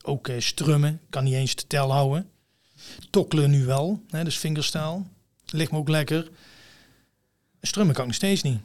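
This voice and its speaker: A man's voice: fairly high pitch, normal speed, pauses often, a little mellow. A man telling a story in casual conversation, blunt and swearing freely, acting out the other people's voices. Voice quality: rough singing voice. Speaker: guest, singer-songwriter.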